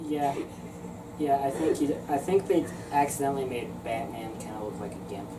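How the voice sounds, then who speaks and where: A woman's voice: a bass voice, steady tone, normal speed, over loud music. A woman co-reviewing a film in casual chat, hesitant, with stammering restarts. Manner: hesitant, stammering restarts, then jokey outbursts. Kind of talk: casual comedic movie review. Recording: distant mic with noisy background.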